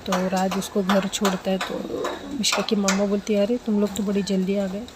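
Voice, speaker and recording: A woman's voice: medium pitch, little pitch movement, moderate pace, very noisy. A woman casually telling a romance story, voicing all the characters in her own plain speaking voice.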